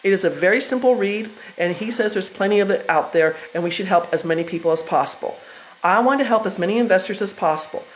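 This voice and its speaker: A woman's voice: medium pitch, fast talker, slight background noise, rough recording. An American woman in her fifties giving a casual presentation on trusts, chatty and full of fillers and restarts. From United States. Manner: chatty, self-interrupting, with frequent fillers and restarts. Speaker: trust educator presenting to investors.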